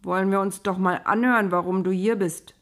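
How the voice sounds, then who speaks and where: A woman voicing an old male prison keeper who talks in a gruff, teasing, chatty way in an audio storybook. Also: medium pitch, fairly even intonation, brisk, close to an everyday voice. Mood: wry.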